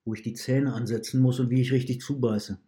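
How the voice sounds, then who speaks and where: A man's voice: mid-range voice, fairly even intonation, fairly quick, warm tone, natural voice. A man doing a remorseful captive wolf. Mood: bitter, hurt. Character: remorseful imprisoned male wolf, gruff and weary.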